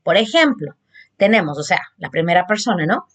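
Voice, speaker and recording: A woman's voice: lowish voice, big pitch swings, fairly quick. A woman teaching a grammar lesson on verb conjugation, explaining patiently with fillers and repeated examples. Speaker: Spanish teacher.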